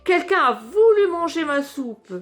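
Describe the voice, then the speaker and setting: A woman voicing a cross mother bear in a storybook reading, sharp and irritated. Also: fairly high pitch, lively intonation, moderate pace, natural voice.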